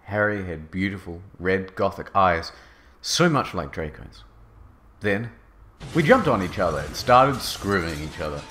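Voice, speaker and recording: A man's voice: sits low, lively intonation, unhurried, a bit bright. A man narrating a comedic dramatic reading of fan fiction, with a mock-serious, overwrought delivery.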